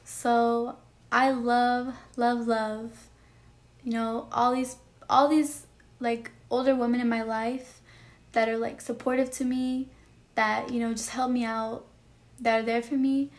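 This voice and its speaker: A nineteen-year-old woman talks straight to the camera, pouring out a painful personal story in a rambling, emotional way. Her voice sits fairly high yet stays flat and level, and she leans on "like" and "you know" between thoughts. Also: takes it slowly. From Texas. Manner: emotional, rambling, heavy use of "like". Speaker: vlogger.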